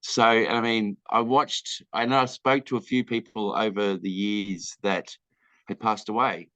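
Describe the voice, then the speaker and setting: A man's voice: on the low side, steady tone, measured pace, sharp tone, dry recording. An Australian man, a film director, answering interview questions in a candid, rambling way and acting out the people in his stories. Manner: candid, rambling storyteller who acts out quoted people. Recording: dull lo-fi dry recording.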